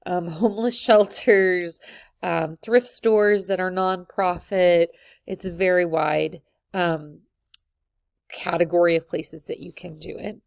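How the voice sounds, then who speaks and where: A woman with a lowish, gravelly voice walks through her course in a relaxed, friendly way, with lots of ums. The sound is dry and close, as if recorded at a computer. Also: slow pace, no echo. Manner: casual, friendly, many ums. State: has the hiccups. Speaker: college instructor.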